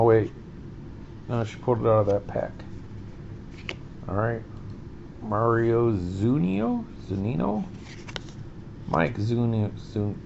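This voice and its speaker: Here a card-opening vlog host chats casually with "folks" in a gravelly, darkish, mid-range voice, his nose clearly stuffy. The recording is dull and lo-fi, carrying a little hiss or hum.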